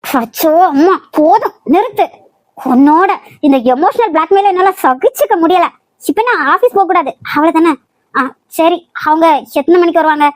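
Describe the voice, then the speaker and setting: A woman's voice: extremely high pitch, normal speed, dry recording. A woman voicing a headstrong young working daughter in a cartoon, curt and stubborn, with a Kanyakumari Tamil accent. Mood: exasperated. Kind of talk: cartoon voice acting.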